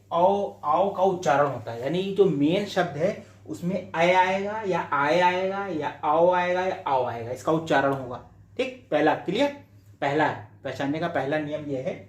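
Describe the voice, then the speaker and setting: A man teaching a grammar lesson for exam study, repeating each rule and often checking whether it is clear. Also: high-pitched. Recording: roomy echo.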